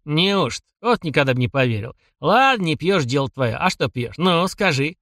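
A man's voice: a little high, animated, moderate pace, a bit bright, no room sound, clean studio sound. A man voicing a boorish drunken rich man, swaggering and mocking, in an audiobook. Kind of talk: audiobook character voice.

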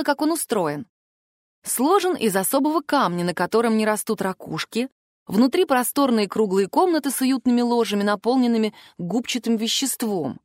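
A woman narrating a fantasy novel in the first person with a soft, expressive delivery into a close microphone. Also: a little high, no echo. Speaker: audiobook narrator.

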